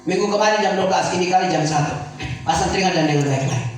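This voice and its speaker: High-pitched preacher in echoey hall. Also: male voice, quick pace. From Indonesia. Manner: animated, often calls out for amens, bursts into shouts. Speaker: evangelist preacher. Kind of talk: sermon. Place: church hall with congregation. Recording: very echoey hall, from far off, faint noise.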